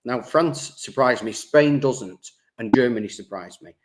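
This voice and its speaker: A man's voice: medium pitch, unhurried. Chatty man co-hosting a podcast. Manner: chatty, teasing, full of restarts. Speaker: podcast co-host. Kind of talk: casual podcast chat.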